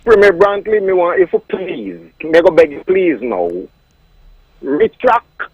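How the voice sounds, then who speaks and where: A man with a Kittitian and Nevisian Creole accent calling a radio show on a dull phone line, arguing in a halting, repetitive, insistent way. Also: high-pitched, animated, slightly rough, no room sound. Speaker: caller.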